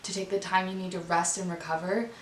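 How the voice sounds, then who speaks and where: A young adult woman with a raspy voice, chatting casually and informally as she narrates a vlog, often saying "like". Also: on the low side, little pitch movement, fast talker, echoey room, slight background noise. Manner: informal, frequent "like". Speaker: vlogger.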